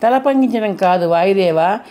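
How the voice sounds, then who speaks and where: A woman's voice: medium pitch, expressive, normal speed, dark tone, close to an everyday voice. A woman reading as a curt proud speech god.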